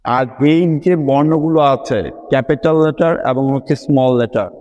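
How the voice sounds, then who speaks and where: A man's voice: medium pitch, moderate pace, a little mellow, dull audio. Patient man teaching alphabet sounds. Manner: patient, explains in Bengali mixed with English words, asks checking questions often. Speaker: English teacher. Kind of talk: video lesson on pronouncing the English alphabet.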